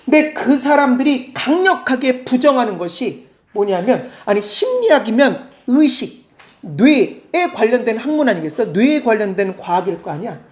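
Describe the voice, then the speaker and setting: A woman teaching English to exam students, explaining a reading passage in a lively way with rhetorical questions and words read out slowly. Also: on the high side. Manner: animated, switches between polite and casual speech, asks rhetorical questions.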